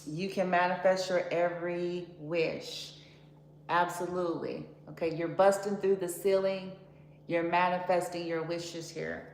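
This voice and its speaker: A woman's voice: lowish voice, steady tone, unhurried, vocal fry. A woman giving a casual tarot reading in a blunt, profane, sassy way. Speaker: tarot card reader. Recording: roomy echo with faint background noise.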